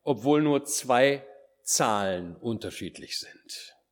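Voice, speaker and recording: A man preaching a sermon, acting out quoted words and dropping at times into hushed whispers for solemn points. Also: mid-range voice, slow pace. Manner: animated, swings between emphatic calls and hushed whispers.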